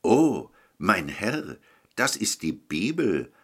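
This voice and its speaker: A humble, devout fruit seller at a market, put on by a man reading a sermon. She speaks softly and earnestly, in a low voice that rises and falls. Her words come slowly. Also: big pitch swings, heavily acted.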